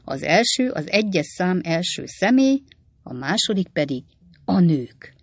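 A reader performs a cynical, flippant young male law clerk who speaks mockingly and offhandedly, his pitch swooping in a sing-song way. It is read in a dry studio, and the recording is dry.

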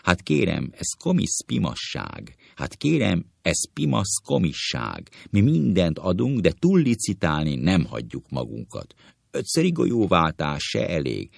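A man plays an unflappable second haggling over duel terms in a comic sketch. He speaks offhandedly in a very low, gravelly voice, recorded close and dry. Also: dry recording, heavily acted. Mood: offhand. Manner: offhand, calm, placating. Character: cool, soothing man negotiating a duel.

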